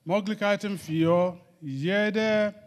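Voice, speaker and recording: A man from Nigeria speaking on a panel, hesitant and full of fillers. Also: high voice. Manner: slow, hesitant, with many fillers. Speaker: panel speaker, association co-founder. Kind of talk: spoken panel contribution.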